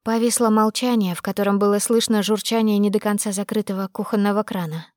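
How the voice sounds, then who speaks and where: Brisk woman narrating a novel. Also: medium pitch, steady tone, a little mellow, dry recording, studio quality. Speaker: audiobook narrator. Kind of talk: first-person novel narration.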